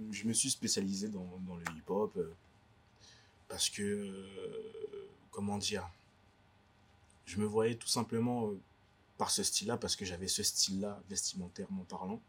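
A young adult man from Guadeloupe, a DJ guest, is interviewed in an indoor cultural space inside a bookstore, speaking casually and hesitantly with many fillers and restarts. His voice is on the low side and fairly bright, with a steady tone and measured pace, plus a little hiss or hum.

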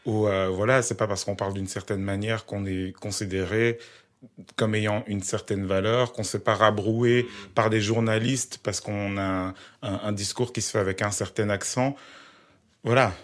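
A man hosting a conversation, telling a story in a measured, hesitant way. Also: fairly low pitch, steady tone.

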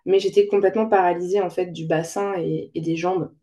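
A young woman frankly recounting her childbirth experience as a personal testimony, halting often and restarting her sentences. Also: fairly low pitch, fairly even intonation, dark tone, slight background noise. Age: young adult. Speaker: mother sharing her birth story.

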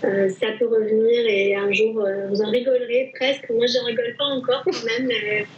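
A woman's voice: a little high, fairly even intonation, normal speed. Chatty woman sleep consultant, muffled. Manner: chatty, encouraging, repeats words as she goes. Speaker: baby sleep consultant guest. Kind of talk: casual live conversation. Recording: muffled lo-fi live stream audio.

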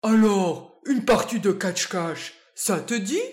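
A woman voicing an excitable, playful young male dog in a children's storybook. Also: medium pitch, takes it slowly. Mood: excited. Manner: eager, bouncy, playful exclamations.

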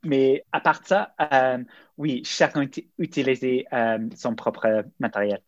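A man's voice: medium pitch, no room sound. Englishman speaking broken French, slightly muffled. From England. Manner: broken, non-native French with grammatical slips; halting, hesitant delivery. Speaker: guest medical researcher. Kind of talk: explaining research in an interview.

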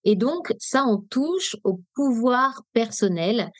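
French woman from Nice, negotiation coach, lively and direct, dry close sound. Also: a little high, slow pace, no echo. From Nice, France. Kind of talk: webinar talk. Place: webinar, dry room.

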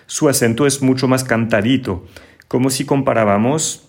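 A man's voice: mid-range voice, normal speed. A man from northern France with a French accent, a language teacher answering listener questions on his podcast, explaining patiently and repeating words as he searches for them.

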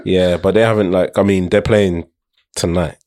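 A man's voice: deep voice, steady tone, normal speed, a little mellow. A young man with an urban London accent, chatting casually as a podcast guest in slangy roadman talk. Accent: London, urban street. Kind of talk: casual banter.

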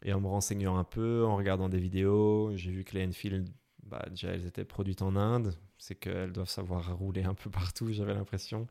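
Young Brussels man, low gravelly voice, hesitant interview answers. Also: little pitch movement, a little fast, mellow. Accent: Brussels French. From Belgium. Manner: hesitant, many fillers and restarts. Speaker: interviewee, motorcycle traveler. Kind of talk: casual interview.

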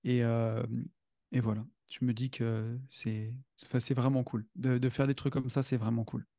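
A man speaking as a guest on a podcast, enthusiastic and hesitant, filling pauses often, into a studio microphone. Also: medium pitch, little pitch movement, dark tone, dry recording. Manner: enthusiastic, hesitant with many fillers. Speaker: podcast guest, financial coach. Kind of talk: casual podcast conversation.

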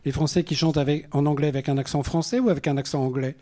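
A man with a fairly high voice argues his points in a loose panel discussion. He is blunt and lively, and he swears freely as he speaks as a singer-songwriter. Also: quick pace.

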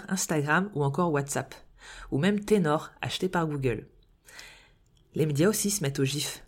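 A woman's voice: lowish voice, darkish tone, husky. A woman hosting a podcast, reading a scripted explainer with wry, playful asides. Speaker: podcast host.

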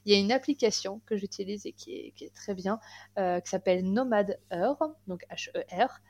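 A woman's voice: medium pitch, fairly quick, a little mellow. A young adult woman talking casually as a podcast guest, enthusiastic, with many fillers and restarts.

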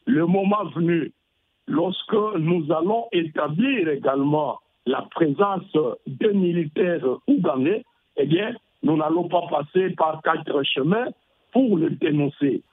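A man from North Kivu, a member of parliament speaking in a measured, firm way in a radio debate. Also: on the high side, lively intonation, breathy edge, dry recording. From North Kivu, DR Congo. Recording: dry tinny phone line.

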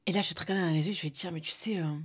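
A young podcast host with a southern French Toulouse accent tells a spontaneous story on her solo show. Her voice is fairly low, slightly rough, and fairly even, and she talks rapid-fire, chatting straight to the listener with many fillers.

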